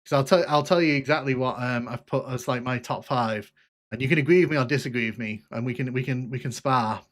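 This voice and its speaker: This northern English gaming streamer, slightly Liverpool-tinged, talks informally with his viewers over gameplay, often pausing and repeating himself. His voice is medium-pitched and a bit bright.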